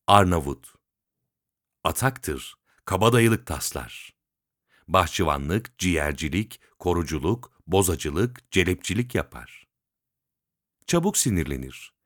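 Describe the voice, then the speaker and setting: A man reads a textbook lesson aloud at an unhurried pace, his pitch rising and falling a lot as he works through one item after another. His voice sits on the low side, and the recording is dry and close, with no room sound. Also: dry recording. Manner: measured, list-like reading with pauses. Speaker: teacher reading a textbook.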